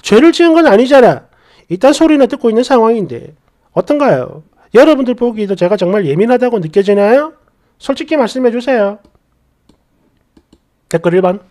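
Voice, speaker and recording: Lively woman narrating a story. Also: on the high side, brisk, pauses often. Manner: indignant, questioning tone. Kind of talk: scripted first-person story reading.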